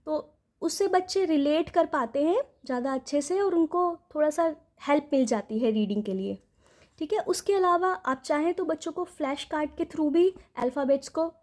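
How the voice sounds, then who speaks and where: A woman teaching letter sounds to parents, going slowly, repeating each sound and checking in often. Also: high voice, darkish tone. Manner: patient, checks in with "ठीक है?" after each point. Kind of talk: instructional explainer.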